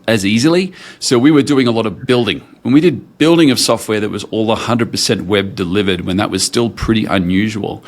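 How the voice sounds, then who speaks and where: A man with an Australian accent telling his story conversationally as an interview guest, colourful and wryly self-deprecating. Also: on the low side. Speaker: podcast guest, tech entrepreneur.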